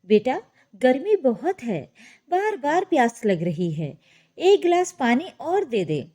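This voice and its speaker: A gentle elderly mother, as a woman storyteller puts her on, speaking softly and tenderly. Her voice is high and lively in pitch, and she speaks slowly. The tone is dark and mellow. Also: exaggerated voice. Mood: pleading. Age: older. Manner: soft, tender.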